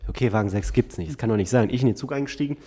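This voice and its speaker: A man telling a comic anecdote in an animated, exasperated way, breaking into frequent laughter. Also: medium pitch, very fast, slightly rough, big-room sound.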